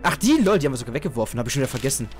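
Lively-pitched man playing a game, music behind. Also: racing. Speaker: let's player. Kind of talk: casual gameplay commentary. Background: video game music.

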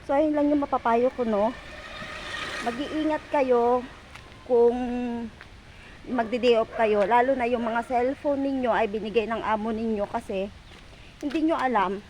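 A woman's voice: on the high side, unhurried, long pauses, darkish tone, a little hiss or hum, low-quality recording. A woman vlogging outdoors while she walks, chatty and teasing, out of breath, talking into a phone. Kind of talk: casual walking vlog. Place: outdoors on city streets.

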